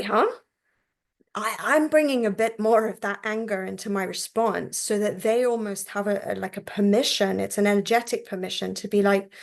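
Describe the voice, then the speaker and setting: Woman, therapy teacher, conversational class talk, checks in often, mid-pitched. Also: creaky. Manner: acts out client and therapist voices.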